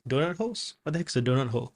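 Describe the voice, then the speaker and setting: A man giving casual reaction commentary on a comedy clip, relaxed and chatty, laughing often. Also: medium pitch, rapid-fire, creaky.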